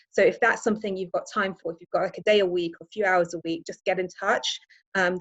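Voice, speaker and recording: A woman's voice: lowish voice, rough recording. A woman from Iraq, an environmental campaigner giving a webinar presentation, talking hesitantly with many restarts and ums.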